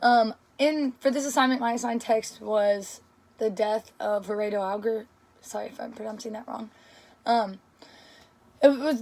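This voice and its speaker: A woman's voice: on the high side, a little mellow. A young woman with a sore, scratchy throat giving a hesitant class oral report, with frequent ums and restarts. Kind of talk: class presentation.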